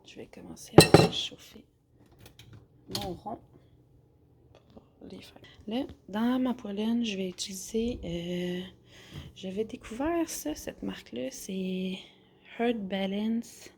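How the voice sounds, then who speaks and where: A woman's voice: medium pitch, slow pace, gravelly, pauses often, a little mellow, a little hiss or hum. A young woman with a Québécois French accent, chatting casually as she cooks in her home kitchen and rambles with many fillers. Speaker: vlogger. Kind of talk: casual cooking vlog narration.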